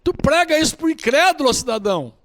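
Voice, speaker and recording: High-voiced man preaching. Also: brisk, no echo. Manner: lively, colloquial preaching, acting out quoted dialogue. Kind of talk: sermon.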